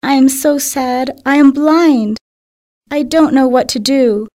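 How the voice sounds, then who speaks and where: A young blind girl from a storybook, her voice lifted high and eager. She speaks slowly and plainly, a woman reading aloud gives her voice. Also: darkish tone. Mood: distressed. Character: young blind girl, upset then overjoyed.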